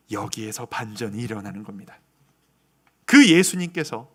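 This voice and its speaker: A man's voice: mid-range voice, a bit bright. A male pastor preaching a sermon in a dramatic storytelling way, with earnest personal testimony. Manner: dramatic storytelling with acted quotes.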